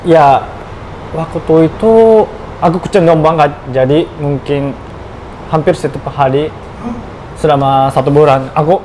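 A young Japanese man speaking with a Japanese accent in a casual interview, pausing often to search for words. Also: on the high side, fairly even intonation, darkish tone, slight background noise, poor audio. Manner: halting, searching for words, frequent fillers. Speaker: guest.

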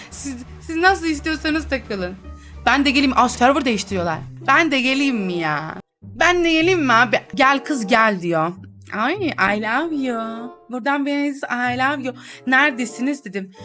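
A woman's voice: high-pitched, expressive, moderate pace, pushed and bright, faint music behind. A young woman chatting and teasing through a role-play game, laughing often as she comments. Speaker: gaming YouTuber.

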